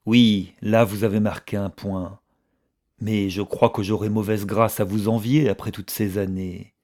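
A man voicing a bitter, jealous middle-aged woman in an audiobook reading, with a sharp, mocking manner that flares into outbursts. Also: fairly low pitch, little pitch movement, unhurried, lightly acted.

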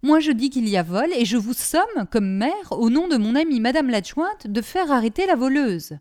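Woman doing a screechy bossy rich wife, super high, nagging. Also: very animated, quick pace, a little mellow. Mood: scolding. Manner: shrill, scolding, hysterical. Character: shrill bossy mayor's wife.

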